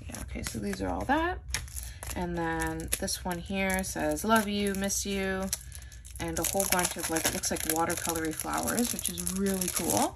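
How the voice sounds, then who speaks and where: A woman's voice: on the low side, normal speed, gravelly, noisy background. A young woman vlogger chatting casually through an unboxing haul, gushing over items, saying "like" a lot, with the hiccups. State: has the hiccups.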